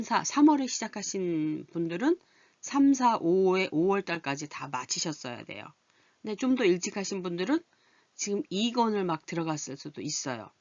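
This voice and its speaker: A woman teaching a reading lesson to adult learners, patiently explaining and reading words aloud slowly, again and again. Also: fairly low pitch, no echo, highs cut off. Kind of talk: recorded Korean lesson.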